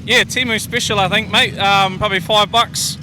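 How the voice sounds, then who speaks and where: A man's voice: sits high, fairly even intonation, normal speed. A man with a New Zealand accent, a team manager giving confident, jokey answers in a casual interview. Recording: outdoor speedway with engine noise.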